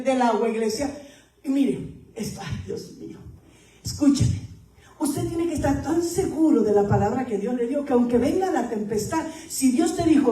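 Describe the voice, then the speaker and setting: High-voiced woman pastor preaching. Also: reverberant, distant mic, rough recording. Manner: preacher addressing the church, rising to emphatic peaks and dropping to hushed asides. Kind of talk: sermon.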